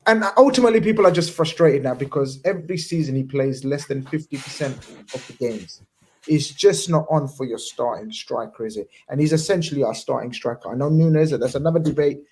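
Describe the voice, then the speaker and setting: A man's voice: mid-range voice, a little fast, darkish tone, husky. A man hosting a casual chat, talking in a rambling way with slang and many restarts. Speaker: podcast host.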